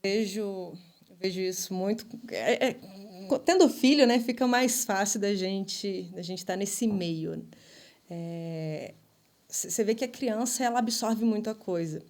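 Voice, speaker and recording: A woman's voice: medium pitch, measured pace, darkish tone. A woman who is a mother and a podcast guest, talking casually and acting out quoted voices of parents and children. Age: adult mother. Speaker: podcast guest, ministry leader.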